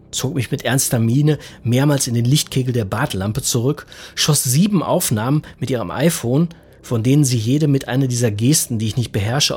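A man in his forties reading a humorous first-person story in a wordy, self-mocking, deadpan manner. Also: medium pitch, husky. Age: 40s. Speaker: narrator.

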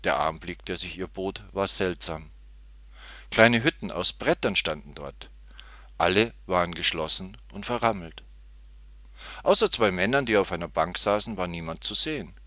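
Expressive male storybook narrator. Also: sits low, normal speed, dry recording. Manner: expressive, animated. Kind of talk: storybook reading.

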